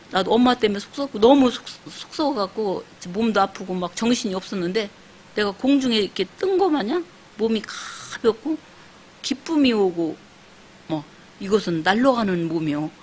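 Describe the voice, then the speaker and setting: A woman's voice: medium pitch, poor audio. A woman in her sixties, a pastor's wife giving an emotional church testimony, telling her story earnestly with many fillers and acting out the voices of others. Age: 60s. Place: church service. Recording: faint hiss.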